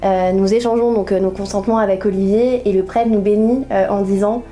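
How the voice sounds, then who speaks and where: Warm-toned young woman, reflective. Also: medium pitch, fairly even intonation, fairly quick, faint music behind. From France. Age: young adult. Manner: earnest and reflective, searches for words. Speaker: wife giving a faith testimony. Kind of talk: casual personal testimony.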